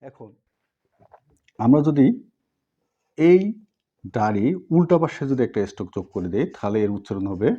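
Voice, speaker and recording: A male teacher walks viewers through a lesson at an unhurried, patient pace, pausing between each sound he drills. His voice is mellow and darker in tone. The recording is a bit dull and lo-fi. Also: medium pitch, expressive. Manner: slow, repetitive drilling with pauses; patient, addresses viewers directly. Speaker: language teacher. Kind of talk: step-by-step language lesson.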